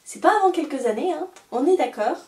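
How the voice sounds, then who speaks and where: A woman's voice: sits high, animated, a little fast, a little mellow. A young woman chatting casually and eagerly about books she bought, with many fillers and restarts. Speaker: book vlogger. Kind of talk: casual book haul vlog. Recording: roomy, a little far from the mic.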